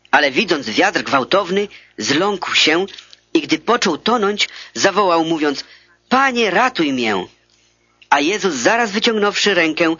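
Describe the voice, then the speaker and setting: A man reading scripture as a steady, formal audiobook narrator. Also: a little high, slightly rough, no echo. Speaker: scripture reader. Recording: dull lo-fi dry recording.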